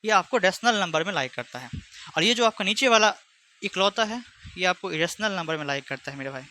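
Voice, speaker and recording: Bright-voiced chatty maths teacher. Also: male voice, high-pitched, lively intonation, a little fast. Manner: chatty, teasing, speaks both sides of a pupil dialogue. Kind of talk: online class lesson with imagined student back-and-forth.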